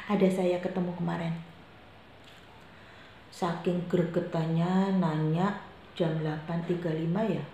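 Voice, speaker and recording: A woman's voice: on the low side, mellow. Firm teacher woman in echoey room. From Indonesia. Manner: firm, admonishing, repeats reminders. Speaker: homeroom teacher. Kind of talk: classroom briefing to students. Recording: very echoey room with faint noise.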